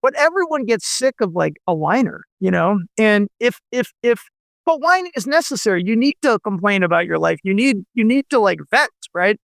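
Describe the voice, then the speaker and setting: Animated and gravelly, his high voice runs at a moderate pace with a fairly bright tone and no room sound. He is a forties-aged novelist on a radio program, chatting casually and rambling through many fillers and restarts.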